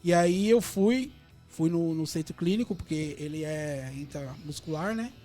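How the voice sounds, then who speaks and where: A Brazilian man guest recounting his own story in a radio studio, animated and repetitive. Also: fairly high pitch, measured pace, faint music behind. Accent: Brazilian Portuguese.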